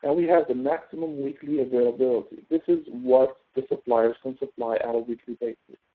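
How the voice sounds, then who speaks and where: Speaking a little fast in a steady, medium-pitched voice, a professor gives an online class in the manner of an informal tutoring session. He breaks each point down step by step and often checks in with "okay?", and the audio is thin like a phone call.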